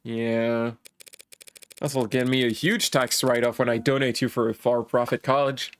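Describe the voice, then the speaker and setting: A man's voice: medium pitch, fairly even intonation, measured pace. A man streaming a story game, talking along to the scenes with a wry, dry humor. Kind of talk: casual game commentary and read-along.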